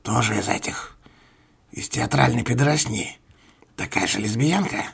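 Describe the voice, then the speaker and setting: A man's voice: mid-range voice, moderate pace, gravelly, a bit bright, slightly rough, exaggerated voice. A man voicing a sneering, whispering thug. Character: hateful, contemptuous male thug.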